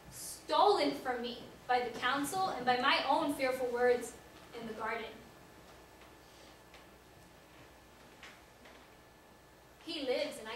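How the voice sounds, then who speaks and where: A woman's voice: high-pitched, slight background noise, natural voice. A woman acting the part of a remorseful male apostle in a church drama monologue, earnest and building to pleading cries, heard from a distance in an echoey hall. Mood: anguished. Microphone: far room mic.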